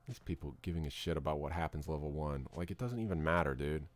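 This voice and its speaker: A man's voice: rumbling low, fast. A middle-aged man from Florida chatting casually on a game stream, rambling with lots of restarts and fillers. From Florida, USA. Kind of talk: casual chat while gaming.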